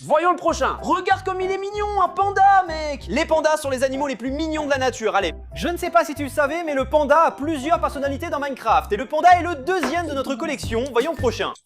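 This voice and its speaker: High voice, playful family skit comedian, music playing behind. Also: expressive, quick pace, few pauses. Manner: playful, switches between characters. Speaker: comedy sketch creator playing family members.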